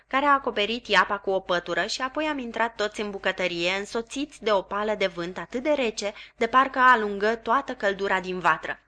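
Bright-voiced woman reading a novel. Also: medium pitch. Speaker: audiobook reader. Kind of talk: literary audiobook narration.

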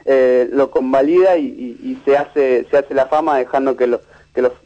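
A man, a media researcher giving a measured, analytical interview with frequent restarts. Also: medium pitch, fairly even intonation, warm tone, muffled recording.

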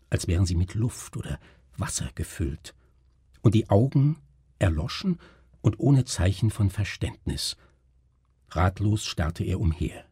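A man narrating a literary story in a measured, expressive way. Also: fairly low pitch, slightly rough, no echo, studio quality. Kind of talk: literary audiobook reading.

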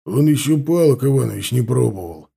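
Guy playing an old fawning army sergeant, grumbly, mellow voice. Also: mid-range voice, expressive, a little fast, creaky, slightly rough. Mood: grumbling. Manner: servile, grumbling. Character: older fawning male veteran sergeant.

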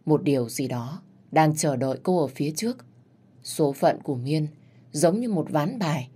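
A woman reading a dramatic audiobook story in a measured storytelling manner. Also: deep voice, expressive, dark tone, slightly rough. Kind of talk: scripted audiobook narration. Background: faint background music.

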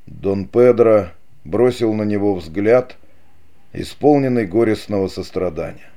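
A man narrating an adventure novel as an audiobook, in a measured storytelling manner. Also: fairly low pitch, mellow.

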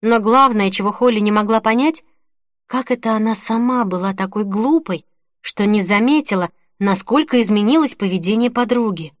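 A woman narrating a novel in a calm, measured storytelling manner. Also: mid-range voice, no echo, studio quality. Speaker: audiobook narrator. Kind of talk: scripted narration.

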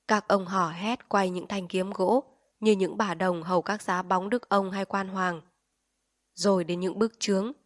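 Woman, audiobook narrator, calm measured reading, mid pitch, dry close sound. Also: no room sound.

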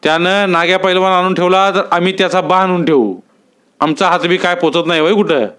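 A man's voice: high-pitched, steady tone, fairly quick, a bit bright, smooth, pitched above the performer's own voice. Dajiba, a man voicing a blunt, rustic villager. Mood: insistent. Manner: rustic village speech, pointed and insistent.

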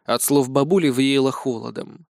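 A man narrating a first-person comic fantasy audiobook in an even storytelling read. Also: mid-range voice, moderate pace, creaky, dry recording, studio quality.

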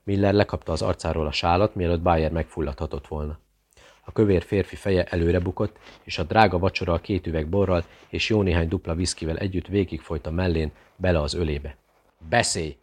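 A man reading a thriller aloud as audiobook narrator, steady and measured. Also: low-pitched.

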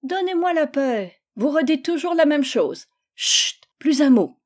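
A woman's voice: a little high, normal speed, a little mellow, close to an everyday voice. A woman reading the part of a bossy, teasing baroness in her forties in a storybook reading. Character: bossy jolly 46-year-old baroness.

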